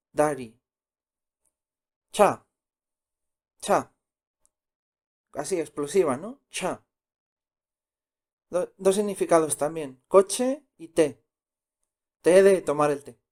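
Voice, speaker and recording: Slow, patient man teaching sounds. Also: on the high side, darkish tone. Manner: patient, repeats each sound twice. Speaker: Korean language teacher. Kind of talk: slow step-by-step pronunciation lesson.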